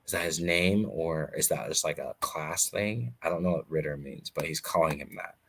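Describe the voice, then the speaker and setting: A man's voice: rumbling low, moderate pace, slight background noise. A man coaching writers, reading a submitted story aloud and critiquing it in a casual, chatty way. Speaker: writing coach.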